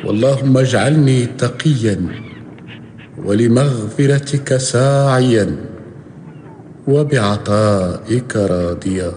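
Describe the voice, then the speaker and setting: A man's voice: medium pitch, slow, long pauses, noisy background, natural voice. An actor playing a devout, humble solitary holy man in a radio drama, praying solemnly and reverently. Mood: humble supplication. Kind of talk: radio drama acting, formal supplication.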